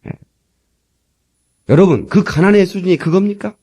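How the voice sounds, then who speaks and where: Here the preacher's voice sits high and mellow, moving at a normal speed through a talkative, humorous sermon. He drops into dialect recitations now and then, and the recording comes from an old church cassette tape.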